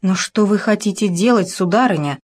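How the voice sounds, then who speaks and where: A woman's voice: medium pitch, moderate pace, close to an everyday voice. A woman voicing a frightened young maid who pleads in a raised, trembling voice. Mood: fearful.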